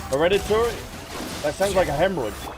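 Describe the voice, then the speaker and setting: A man streams a game and chats casually, thinking aloud as he answers viewers. His voice sits high with big pitch swings and a slightly fast pace, and background music plays.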